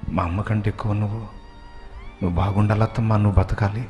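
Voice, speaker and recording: A man voicing a guilt-ridden young daughter-in-law, pleading quickly and quietly. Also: lowish voice, little pitch movement, faint music behind, close to an everyday voice.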